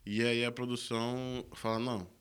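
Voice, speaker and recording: Fast, bright-voiced Brazilian man. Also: medium pitch. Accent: Brazilian Portuguese. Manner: fast, excitable scene-setting. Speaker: improv storyteller. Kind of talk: casual improvised storytelling.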